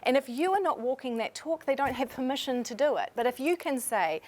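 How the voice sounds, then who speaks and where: A woman's voice: high-pitched, lively intonation, a little fast. A woman speaking earnestly and persuasively in a leadership webinar, now and then moved with emotion. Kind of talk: motivational webinar talk.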